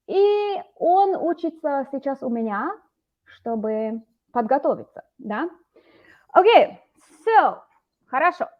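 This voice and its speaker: A Russian teacher gives an online language lesson over a video call, patiently explaining words to her student. Her voice is a little high, and the recording has its highs cut off.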